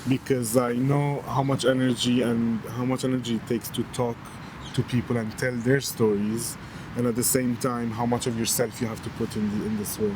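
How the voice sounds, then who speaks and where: Man, 30s, from Lebanon, interview guest, hesitant and earnest, outdoor bench, loud traffic behind. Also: medium pitch, flat delivery, normal speed. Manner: reflective, hesitant with fillers, earnest. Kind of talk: casual interview conversation. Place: outdoor public bench by the water. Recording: outdoor street noise, passing vehicles. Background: street traffic.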